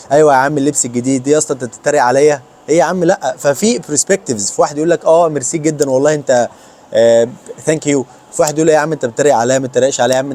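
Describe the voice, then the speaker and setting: Young Egyptian man vlogging, very fast delivery, dark mellow tone, slightly high voice. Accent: Egyptian Arabic. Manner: rapid, animated, mixes English words into Arabic. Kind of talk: casual advice vlog.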